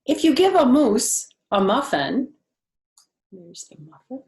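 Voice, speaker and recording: Reading a picture book to children, an older woman uses a high, sing-song, slightly mellow voice in a chatty, grandmotherly manner. She lingers on phrases, asks her listeners things and slips in casual asides during the animated read-aloud. There's an echoey room and slight background noise.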